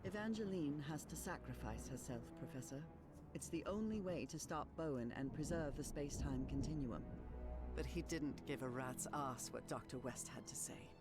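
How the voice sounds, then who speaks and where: Game narrator: pulp horror storyteller, low voice, scripted delivery over clear background music. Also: female voice, expressive, normal speed. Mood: tense. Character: woman narrator retelling a pulp horror adventure.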